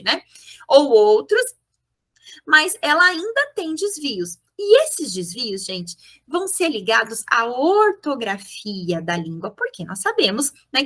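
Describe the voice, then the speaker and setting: A woman's voice: on the high side, pushed and bright. A woman explaining a teaching topic in a video lesson, checking in often with her listeners. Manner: didactic, checks in with "tá?" and "né?". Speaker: teacher educator.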